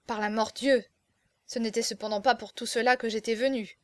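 A woman's voice: a little high, fairly even intonation, a little fast, no room sound, close to an everyday voice. A woman reading the lines of a bold young swordsman in an audiobook, terse and restrained. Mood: brooding. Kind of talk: audiobook character voice.

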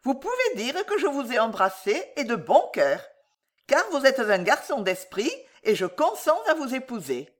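Brief: woman reading as a gracious young princess from a folk tale, fond and gentle, animated pitch. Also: normal speed.

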